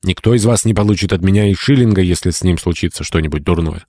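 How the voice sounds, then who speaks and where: A man's voice: sits low, fast talker, mellow, dry recording. A male audiobook reader voicing a bitter, imperious old baroness who scolds her niece. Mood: angry. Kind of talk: audiobook character reading.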